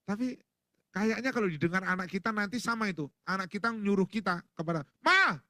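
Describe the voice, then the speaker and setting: Male pastor, middle-aged, bright and forceful tone, slightly high voice, folksy joking sermon. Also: quick pace, no echo, studio quality. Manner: folksy, joking preaching with acted-out household quotes. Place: church.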